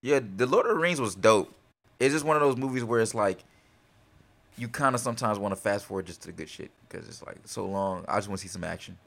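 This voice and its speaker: A young man from North Carolina co-hosting a casual podcast, talking in relaxed slang and getting loud and laughing when he's excited. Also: on the low side, quick pace, vocal fry. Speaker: podcast co-host. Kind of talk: casual chat.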